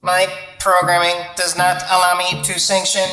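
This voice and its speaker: A woman voicing a literal-minded robot assistant who speaks in a flat, precise, pedantic way. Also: fairly low pitch, normal speed, close to an everyday voice. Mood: deadpan. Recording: roomy sound with music underneath.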